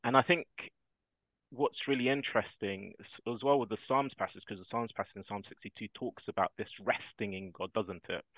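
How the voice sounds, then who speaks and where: A lowish-voiced man talks earnestly and thoughtfully, as if sharing a personal reflection. The sound is dry and thin, with a tinny, phone-like quality. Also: a little fast, dry recording. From South London. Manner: earnest, thoughtful, laughs while telling stories. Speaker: podcast guest. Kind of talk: reflective conversational storytelling.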